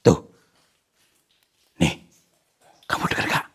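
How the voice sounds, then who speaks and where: A man hosting a ghost-hunting vlog who politely coaxes and soothes unseen spirits, often hushed. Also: slow. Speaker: paranormal explorer host.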